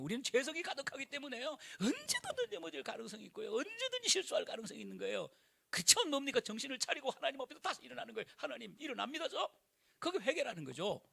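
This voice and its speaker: A middle-aged male pastor preaching a sermon in an animated, colloquial way, full of rhetorical questions. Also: very high voice, vocal fry.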